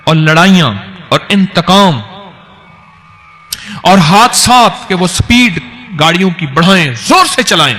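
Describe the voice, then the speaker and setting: A man lectures slowly and emphatically, his pitch leaping up and down as he makes each point. His voice is bright and sharp, and long reverb trails after it as if he were in a hall. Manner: emphatic, lecturing, addresses listeners directly. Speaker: speaker on folk remedies.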